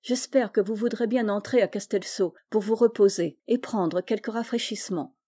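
A woman's voice: medium pitch, moderate pace, mellow, breathy edge, lightly acted. A woman reading aloud, voicing a gracious aristocratic baroness with a polite, welcoming manner.

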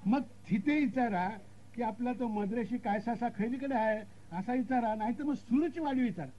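A man's voice: very high-pitched, moderate pace, slight background noise, voice pushed up. A man voicing a rustic village paan seller who gives rambling directions in country speech, on a dull lo-fi recording.

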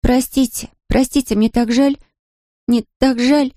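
A woman's voice: high-pitched, steady tone, a little slow, dark tone, no room sound, clean studio sound, pitched above the performer's own voice. A woman voicing a frightened young girl who pleads and insists in a storybook reading. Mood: pleading.

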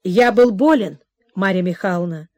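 A woman's voice: fairly high pitch, animated, a little fast, mellow, no echo. A woman reading an audiobook, voicing a gloomy, heartsick young man who answers curtly. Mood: sullen. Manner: sullen, curt.

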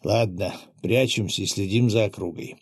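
A man's voice: fairly low pitch, normal speed, breathy edge. A man voicing a blunt, foul-mouthed young male soldier who grumbles and swears in an audiobook. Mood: angry.

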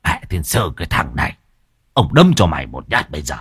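A man's voice: very deep voice, moderate pace, a bit bright, slightly rough, no echo, clean studio sound, pitched below the performer's own voice, exaggerated voice. A man voicing a panicky, bullying old village landlord, shrieking when scared and growling when cross. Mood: gruff.

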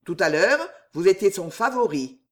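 A man's voice: sits high, expressive, normal speed, a bit bright. Man doing a stern menacing religious superior. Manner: cold, commanding, threatening. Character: stern older male superior of an order, menacing.

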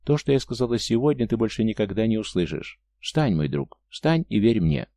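A man's voice: lowish voice, sing-song, brisk, creaky, warm tone, no echo. A man reading an audiobook voices a proud, tender Martian woman, pleading earnestly with her raised tone. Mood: sorrowful.

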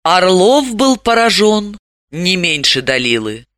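An audiobook reader narrating a story with expressive, lively delivery. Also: mid-range voice, slow pace, over music.

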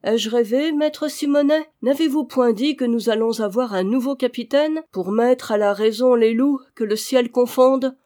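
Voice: mid-range voice, normal speed, hardly any pauses, mellow, voice pushed up, natural voice. A reader voicing a sly male charcoal burner who feigns waking surprise.

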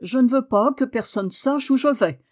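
A woman's voice: sits high, moderate pace, darkish tone, voice pushed up. A woman voicing a sickly, headstrong young boy in an audiobook, petulant and insistent. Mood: stubborn. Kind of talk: audiobook reading.

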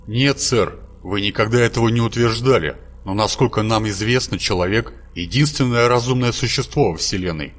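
A man doing a higher, fussy archangel. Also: brisk, few pauses, close to an everyday voice. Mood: earnest. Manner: polite, dutiful, calls his master sir. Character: fussy, deferential male archangel servant.

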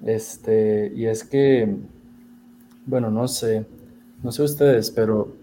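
A man hosting a talk in a relaxed, easygoing way, with filler words. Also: fairly low pitch, takes it slowly, slight background noise. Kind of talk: conversational radio talk.

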